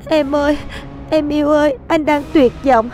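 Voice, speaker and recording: A woman's voice: high-pitched, fairly even intonation, normal speed, a little mellow, natural voice. An actress with a Southern Vietnamese accent playing a panicky young wife who stammers and frets over her husband. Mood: frantic. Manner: frantic, stammering repeats. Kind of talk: comedy film acting.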